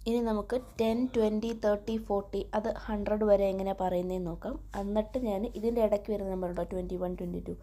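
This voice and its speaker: A woman's voice: medium pitch, dark tone, a little hiss or hum. A woman teaching a German lesson online, patiently explaining step by step and reading the numbers aloud for learners to repeat.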